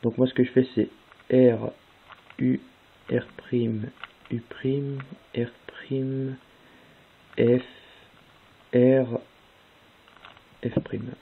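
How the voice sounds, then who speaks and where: A young speedcubing tutorial host explains a puzzle-solving method very slowly, his medium-pitched voice flat, creaky, and breathy-edged, with long pauses. He casually spells out move sequences step by step with fillers. The recording is tinny and lo-fi, like a phone, with faint hiss.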